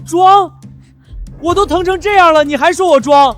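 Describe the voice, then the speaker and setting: A man playing a brazen, whining troublemaker who fakes illness and loudly accuses, in a melodramatic short drama. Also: very high voice, normal speed, faint music behind. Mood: indignant, demanding.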